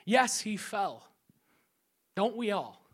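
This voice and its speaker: A man preaching a sermon. He acts out scripture scenes and sometimes drops to a hushed, prayerful tone. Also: high voice, very animated, slow, breathy edge. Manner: acts out scripture scenes and crowd voices with playful sound effects.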